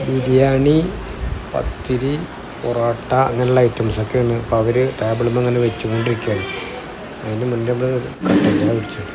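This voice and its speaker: A man's voice: mid-range voice, level tone, brisk, very noisy. A man with a Palakkad Kerala accent narrating a casual vlog in Malayalam mixed with English words. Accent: Kerala Malayalam, Palakkad area. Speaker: vlogger.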